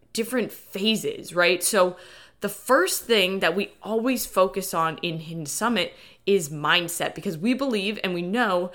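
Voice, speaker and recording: A woman's voice: medium pitch, fairly bright tone. A woman hosting a podcast as a coach, talking casually and motivationally to listeners in informal, lightly sweary language. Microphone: dedicated podcast microphone.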